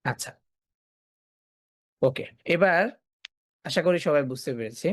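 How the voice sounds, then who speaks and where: A man's voice: on the high side, expressive, measured pace, dry recording. A man teaching a Quran recitation class, asking his students questions, answering them himself and repeating key points. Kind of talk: classroom lesson.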